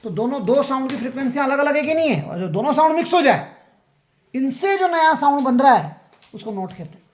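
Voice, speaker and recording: A man's voice: very high-pitched, lively intonation, a little fast. A man teaching a school science lesson in a classroom. He counts aloud, quizzes his students and keeps checking that they understand. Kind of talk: classroom lecture.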